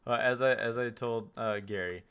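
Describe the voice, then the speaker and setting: A man's voice: medium pitch, normal speed, a bit bright, smooth. A man streaming a game, telling stories in loose, swearing casual chat. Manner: rambling storyteller, swears a lot.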